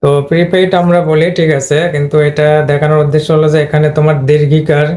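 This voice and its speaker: Male pronunciation tutor, flat delivery, mellow tone, drills words repeatedly. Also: on the high side, fast. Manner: repetitive, drills words over and over. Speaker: English pronunciation teacher. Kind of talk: online lesson explaining word stress.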